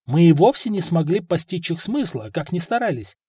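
A man's voice: fairly high pitch, sing-song, normal speed, darkish tone, husky, no room sound, clean studio sound, full character voice. A man voicing a short, stout male scholar who explains things carefully and deferentially. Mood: explaining.

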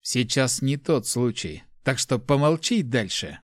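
A bitter young male hunter speaks in short, flat, cold phrases, as a man reads him. The sound is dry and close. A storybook youth pushing everyone away. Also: medium pitch, normal speed, no room sound, natural voice. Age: young adult.

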